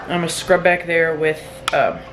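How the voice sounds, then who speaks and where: A woman's voice: low-pitched, animated, normal speed, very noisy. A tired young woman vlogging about her weekend as a single mom, chatty and rambling with small self-deprecating laughs. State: tired, yawning. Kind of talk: casual vlog narration. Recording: music playing underneath.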